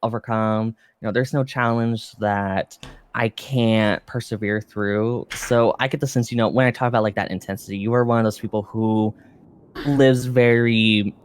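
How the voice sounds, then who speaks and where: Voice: mid-range voice, fairly even intonation, normal speed, smooth, lightly acted. A performer playing an earnest, encouraging psychic medium, giving a tarot reading in a hesitant, reassuring, intuitive way. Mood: reassuring, intense. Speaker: psychic tarot reader in a role-play. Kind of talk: improvised role-play tarot reading, seance medium manner.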